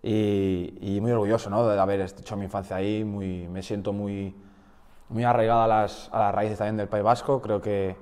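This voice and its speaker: In a large hall, a man in his twenties with a fairly low, clean-toned voice talks at normal speed as a guest footballer being interviewed. He comes from Portugal, grew up in the Basque Country, and speaks relaxed Spanish with a slight Basque accent, full of fillers and frequent restarts.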